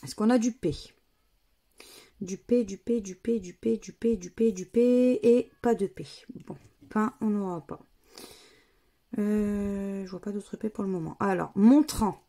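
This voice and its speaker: A woman's voice: medium pitch, fairly even intonation, a little slow, creaky, warm tone. A woman vlogger talking casually as she plays scratch games, methodically spelling out letters and numbers one by one. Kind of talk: casual commentary while playing scratch games.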